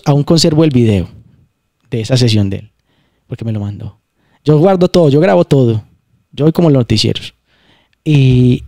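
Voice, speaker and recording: A man hosts a casual spiritual talk. He explains emphatically, circling back to repeat his points. His voice is mellow and the sound is dry, with no room around it. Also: medium pitch, no room sound. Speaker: channel host.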